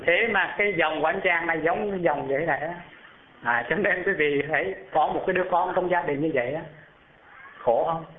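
Heard through a tinny, phone-like recording with a little hiss or hum, a man tells a Buddhist story as a sermon to a live audience at a slightly fast pace. He questions his listeners often and his voice rises high, animated, as he describes scenes.

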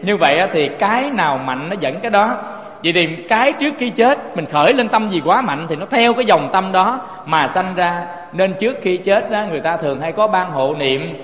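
A man with a high-sitting, fairly bright voice preaches a Buddhist sermon in a large hall with a roomy sound. His Southern Vietnamese accent is clear as he asks rhetorical questions and turns to his listeners again and again.

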